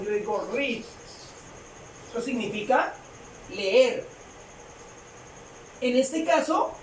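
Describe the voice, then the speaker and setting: A woman explaining a grammar rule to a class, halting often with fillers and repeating her phrases. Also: on the high side, a little mellow. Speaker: English teacher. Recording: echoey room, distant mic, faint noise.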